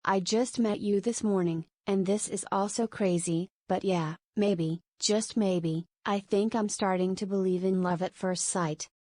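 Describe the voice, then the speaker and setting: A woman's voice: medium pitch, steady tone, a little slow, few pauses, warm tone, no room sound, studio quality, close to an everyday voice. A woman reading as Embry, a blunt restless young woman. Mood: shy.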